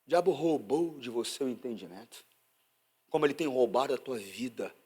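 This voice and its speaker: Animated Brazilian pastor preaching. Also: male voice, medium pitch, brisk, husky. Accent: Brazilian Portuguese. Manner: animated preaching, swinging from loud outbursts to hushed asides. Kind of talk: sermon.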